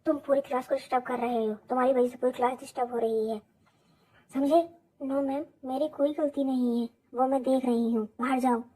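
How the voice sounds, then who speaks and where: A woman voicing a strict college teacher who scolds rapidly. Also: high-pitched, fairly even intonation, warm tone, husky. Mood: scolding. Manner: scolding, fast.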